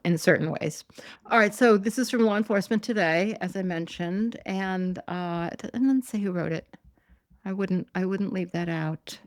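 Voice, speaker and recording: Woman podcast host, sarcastic asides, slight vocal fry, dry close mic. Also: medium pitch, no echo. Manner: sarcastic, digressive, laughs often. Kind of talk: casual commentary reading articles aloud.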